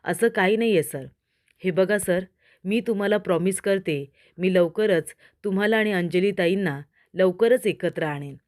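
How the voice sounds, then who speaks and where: A caring young woman from a TV serial, earnest and reassuring but quick with a sarcastic jab, read aloud by a woman. Her voice is mellow and warm. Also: mid-range voice, lightly acted.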